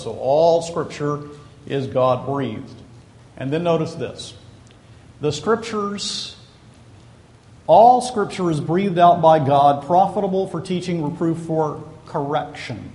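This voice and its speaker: Guy preaching in a big echoey church, slightly high voice, hammers words home. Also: a little mellow. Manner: emphatic, repeats key words slowly for stress. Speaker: pastor. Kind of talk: sermon. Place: church sanctuary.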